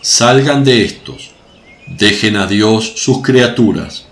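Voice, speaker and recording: A man's voice: lowish voice, animated, slow, vocal fry, heavily acted. An actor playing Jesus as a grave, compassionate male teacher who preaches solemnly in a religious radio drama. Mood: commanding.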